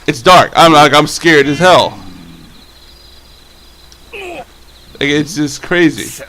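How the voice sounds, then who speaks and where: A man's voice: on the high side, very animated, takes it slowly, pushed and bright, slight background noise. A young man casually telling a story on his vlog, rambling and swearing, with many restarts. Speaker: vlogger.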